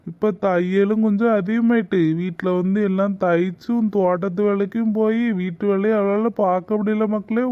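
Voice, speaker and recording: Cartoon village father voiced by an actor, mid pitch, smooth tone, reassuring, dull lo-fi sound. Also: lightly acted. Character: gentle village father calming his children. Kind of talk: cartoon voice acting.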